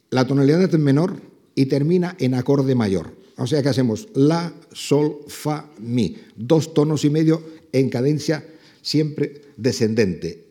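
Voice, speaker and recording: Man, guitarist-lecturer, warm husky tone, counts beats aloud. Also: mid-range voice. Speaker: flamenco guitarist giving a talk. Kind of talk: spoken lecture on flamenco rhythm.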